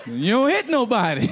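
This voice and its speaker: A young man doing a stand-up set on a comedy club stage, talking loud and animated into a handheld mic, swearing freely. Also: medium pitch.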